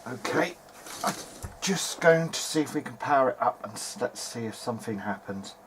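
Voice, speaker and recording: A vintage hi-fi hobbyist narrates his own repair video, a man with a mid-range, animated voice at normal speed over a noisy background. He talks informally through the hands-on fix like a video diary, hesitant and half muttering to himself as he works.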